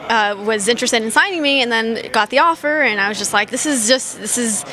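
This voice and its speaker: A woman boxer talks through an interview in a slightly high, bright voice. She sounds earnest and upbeat, leaning on plenty of fillers as she explains. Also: fairly quick. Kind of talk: casual interview answers.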